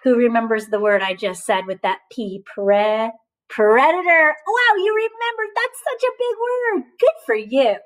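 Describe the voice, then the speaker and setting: A woman reading a picture book to young children as their teacher sounds lively and encouraging, regularly asking questions and stopping for replies. Her voice is on the high side, and the recording is rough.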